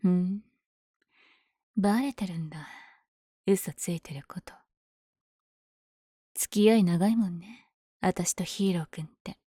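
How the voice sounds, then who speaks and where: A woman playing a powerful, flirtatious villain lady smitten with her hero rival, in an ASMR audio drama with teasing, breathy asides. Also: medium pitch, unhurried, pauses often, mellow, no room sound, clean studio sound. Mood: bashful, confiding.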